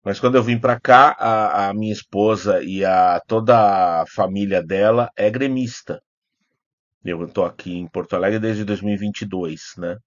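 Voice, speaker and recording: With a fairly low voice and a Brazilian accent, this film critic talks unhurriedly to his channel's audience, answering comments in an unscripted vlog. He meanders, hesitates and self-corrects, and the audio is somewhat dull and lo-fi with no room sound.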